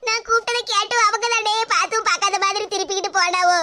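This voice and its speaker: Woman doing a squeaky anxious cartoon sister. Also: steady tone, fast talker, bright, forceful tone. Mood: hurt. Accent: Tirunelveli Tamil. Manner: pleading, repeatedly calling out. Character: young village woman, pleading and anxious sister.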